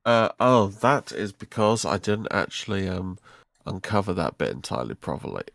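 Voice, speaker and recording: A man's voice: low voice, big pitch swings, normal speed, gravelly, fairly bright tone, no echo. A man running a tabletop game as game master, casual and swearing, laughing often.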